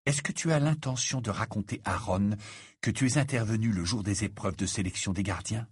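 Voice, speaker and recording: A man's voice: fairly low pitch, a little fast, breathy edge, dry recording, clean studio sound. A man voicing a blunt, firm teenage boy who speaks curtly. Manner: firm, curt.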